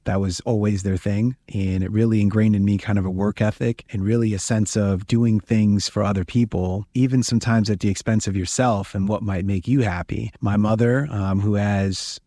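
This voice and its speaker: Middle-aged guy from guyana, prosecutor, low warm voice, earnest storytelling w/ some ums. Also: dry recording, studio quality. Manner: earnest, reflective, with occasional fillers and restarts. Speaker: chief deputy prosecutor, guest. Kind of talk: conversational storytelling interview.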